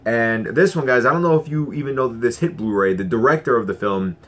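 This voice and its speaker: A man's voice: mid-range voice, fast, slight background noise. Chatty man showing off his disc haul. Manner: enthusiastic, rambling, lots of fillers and restarts. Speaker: Blu-ray collector vlogger. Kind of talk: casual collection haul vlog.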